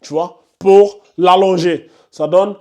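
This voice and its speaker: Man, recitation teacher, high voice, insistent, repetitive explanations, scolding tone. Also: steady tone, slow, darkish tone. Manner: insistent, repeats explanations step by step, scolds students. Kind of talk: classroom teaching. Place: classroom with a board.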